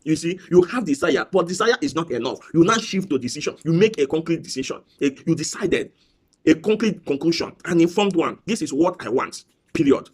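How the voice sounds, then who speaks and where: A man giving a business coaching talk, repeating key phrases with slow, preacher-like emphasis. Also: fairly high pitch, lively intonation, a little mellow, husky.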